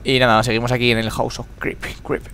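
A man's voice: mid-range voice, little pitch movement, brisk, background noise. A man giving frantic horror game commentary, swearing a lot and repeating words in panic. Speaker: gamer.

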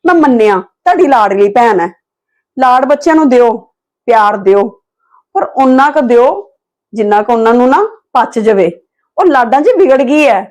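A woman's voice: on the high side, a little mellow, natural voice. A young woman, playing a sensible wife who firmly lectures her husband about his sister.

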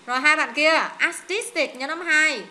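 An English tutor with a high, bright voice drills students on exam questions in a brisk, directive way. She firmly corrects wrong answers and keeps things moving. There's slight background noise.

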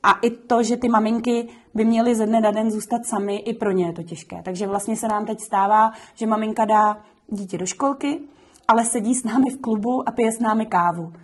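A woman's voice: a little high, steady tone. A woman who runs a kindergarten, giving earnest, explanatory answers in a documentary interview, with frequent fillers. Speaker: kindergarten director.

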